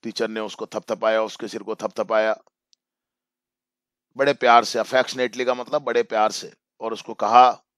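A male English teacher explaining a story line by line in a bilingual lesson. He reads the English slowly, then paraphrases it and repeats phrases for emphasis. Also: fairly low pitch, level tone, clean tone, no room sound, studio quality.

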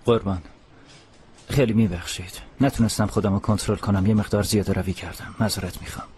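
A man's voice: lowish voice, steady tone, darkish tone, a little hiss or hum, natural voice. A man dubbing a vengeful young policeman in a TV drama, bitter with rivals and deferential to his boss. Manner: bitter, grovels to superiors. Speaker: police officer. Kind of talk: dubbed TV drama.

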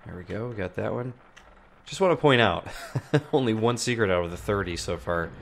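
A let's play host in his thirties, congested from a cold, speaks at normal speed with a creaky voice. He greets the audience energetically before sinking into low, self-directed muttering as he plays and comments. Recorded indoors on a large boom-arm studio mic in a home room with plush-toy shelves, with slight background noise.

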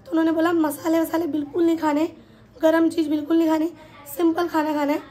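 A woman with a high voice tells a family story in a casual vlog. She talks animatedly and acts out what each person said. She is recording in a home kitchen. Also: fast. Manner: animated, retells events with quoted dialogue. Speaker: family vlogger.

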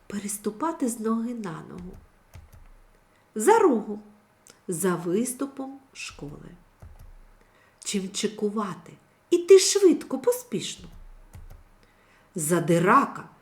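A woman teacher giving a recorded reading lesson for young children, speaking clearly and instructively. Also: fairly low pitch, a bit bright. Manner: slow, clearly articulated, instructive. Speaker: primary school teacher.

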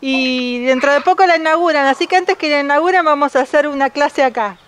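A woman's voice: high voice, fairly quick. A middle-aged woman with an Argentine accent, chatting casually to her camera on an empty street, giggly and playfully embarrassed. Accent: Argentine Spanish. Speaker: vlogger. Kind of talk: casual vlog chat. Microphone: handheld camera. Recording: outdoor background noise.

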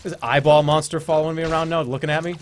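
A man streaming gameplay commentary, excitable, with swearing outbursts and frequent laughter. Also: on the high side, racing, a little hiss or hum.

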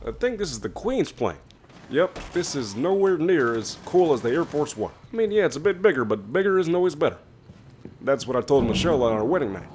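A man switching impression voices while gaming, here playing a middle-aged, folksy, joking president with a halting delivery. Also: fairly high pitch, very animated, a little mellow, a little hiss or hum.

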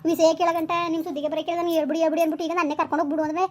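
A woman's voice: very high-pitched, flat delivery, racing. A woman playing a middle-aged village housemaid with a drawl, in a family drama skit. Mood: confiding.

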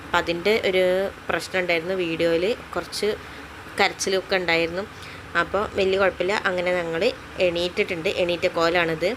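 A woman's voice: fairly low pitch, little pitch movement, a little fast. A young woman, a mother and vlogger, narrating a casual family vlog in an easygoing, chatty way, speaking straight to her viewers. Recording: noisy phone vlog audio.

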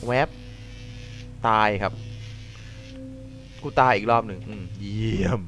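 A man commentating a video game playthrough in an excitable way, cursing and shouting out loud, with a slight cold. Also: lowish voice, slow pace, soft background music. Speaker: gaming channel host. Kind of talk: let's-play commentary.

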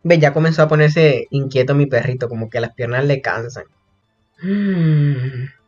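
A young man giving casual, gossipy reaction commentary, excitable and prone to sudden shrieks. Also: mid-range voice, unhurried, muffled recording, soft background music. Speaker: reaction vlogger.

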